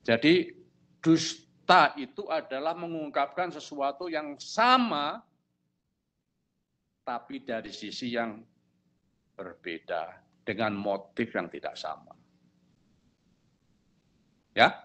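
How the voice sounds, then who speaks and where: Man preaching with animated storytelling. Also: slow, pauses often. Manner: storytelling preacher, acts out dialogue with lively pitch jumps; asks the congregation if they follow. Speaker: pastor. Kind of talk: sermon.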